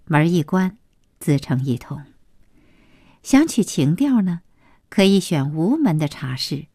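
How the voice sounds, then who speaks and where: A woman reads a long novel aloud with slow, deliberate storytelling. Her voice sits fairly low, moves with lively rises and falls, and is recorded close and dry. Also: dry recording. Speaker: audiobook narrator. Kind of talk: scripted novel narration.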